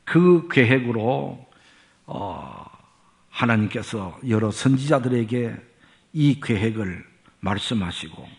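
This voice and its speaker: A man preaching a sermon, telling a story and then teaching in a measured way that rises for emphasis. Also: medium pitch, darkish tone. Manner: measured preaching with rising emphasis and drawn-out pauses. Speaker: pastor.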